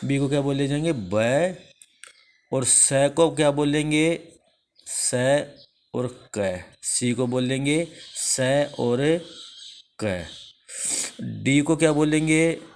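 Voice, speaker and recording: A man with an Indian accent teaching the English alphabet in a slow, repetitive lesson, asking a question and then answering it himself. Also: medium pitch, darkish tone, slight background noise. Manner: slow, repeats each answer after asking it.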